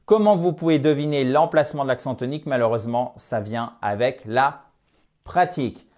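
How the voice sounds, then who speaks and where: Energetic French man teaching English pronunciation. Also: mid-range voice. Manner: energetic, emphatic, drawn-out English demo phrases. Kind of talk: lively pronunciation lesson.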